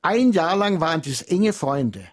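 A man speaking as an expert guest on a radio call-in, explaining in a measured, lecturing way. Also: a little high, big pitch swings.

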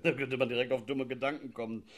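A medium-pitched, natural-sounding man talks fast as he portrays a riot cop in a satirical sketch, a zealous character who loves using force. He plays it lively, with a leering, gloating edge.

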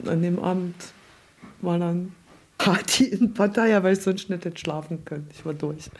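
A woman from Germany, a nurse, telling a personal story dramatically, dropping to hushed asides and rising loud. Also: lowish voice, steady tone, moderate pace. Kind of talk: spoken anecdote.

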